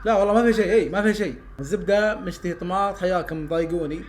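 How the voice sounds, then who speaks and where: A young man giving a live football reaction, muttering between plays and bursting into loud shouts at chances. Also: sits high, rapid-fire. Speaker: YouTube streamer reacting to a football match.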